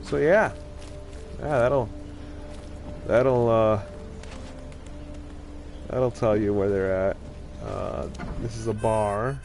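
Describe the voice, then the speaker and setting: A man's voice: fairly low pitch, steady tone, extremely slow, gravelly, long pauses, darkish tone, soft background music. A man doing casual live gameplay commentary, with informal, rambling asides. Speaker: video game live streamer.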